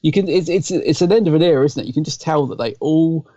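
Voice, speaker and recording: A man's voice: a little high, quick pace, dark tone, no echo, dull audio. A man co-hosting a podcast, chatting enthusiastically with lots of fillers. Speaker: podcast co-host. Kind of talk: casual chat.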